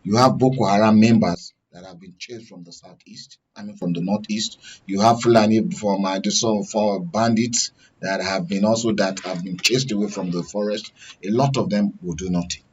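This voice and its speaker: This Nigerian-accented studio guest talks current affairs on radio and TV, framing his analysis as questions followed by answers. His lowish, slightly rough voice holds a steady tone at normal speed. The audio is dull and lo-fi.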